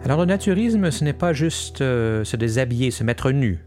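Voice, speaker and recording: Over music, an animated, mid-range male voice delivers a scripted podcast intro at a moderate pace. The host, whose first language is French but who now lives mostly in English, hesitates frequently with fillers and restarts.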